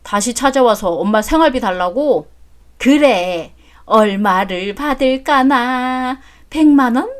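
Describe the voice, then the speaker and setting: Taking it slowly, a woman with a high-leaning, expressive voice plays an exasperated grown son giving his mother curt replies, part of a story drama read aloud.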